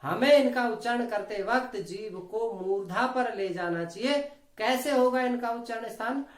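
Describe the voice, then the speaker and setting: A woman teaching a grammar lesson for exam preparation, slowly demonstrating each sound aloud and explaining step by step. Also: a little high, echoey room. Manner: slow, deliberate, demonstrates sounds aloud one by one.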